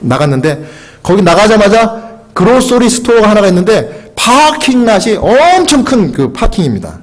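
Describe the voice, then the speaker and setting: Pastor guy telling a sermon story, high voice that jumps all over, acts out his prayers. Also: normal speed. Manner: animated storyteller who acts out his own prayers and shouts.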